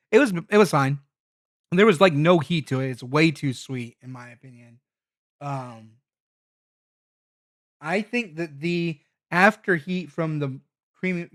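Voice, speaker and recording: A man casually thinking aloud as he reviews hot sauces, rambling with lots of fillers and restarts. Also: a little high. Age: adult parent.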